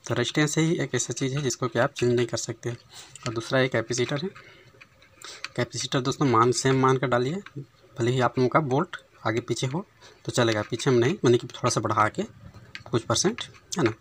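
Man, TV repair tutor, chatty and relaxed, phone mic over the bench, faint hiss. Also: mid-range voice, a little fast. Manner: conversational, keeps adding "है ना" and "दोस्तों". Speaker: TV repair instructor. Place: workshop bench, voice behind handheld phone camera.

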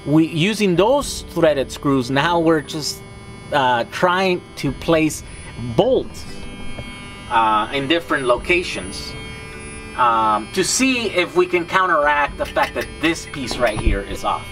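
A man's voice: on the high side, sing-song, takes it slowly, over music. A man in his thirties, a vlogger, casually explaining a hands-on repair job in his home garage and thinking aloud as he works. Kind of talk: casual DIY vlog.

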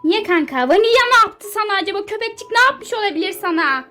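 A woman's voice: extremely high pitch, expressive, quick pace, pushed and bright, faint music behind, full character voice. A woman voicing Sanfi, a sleepy and grumpy young woman friend in a game role-play, who grumbles and complains in a drowsy, baffled way.

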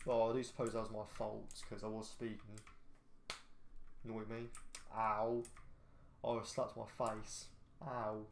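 A tired man talks his way through a trucking game in a flat, even voice, restarting sentences and trailing off as he goes. His voice echoes around the room, and faint noise sits underneath it. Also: on the low side, measured pace, vocal fry, long pauses. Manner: rambling, hesitant, with many restarts and filler. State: tired, yawning. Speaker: gaming YouTuber. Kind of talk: casual gameplay commentary.

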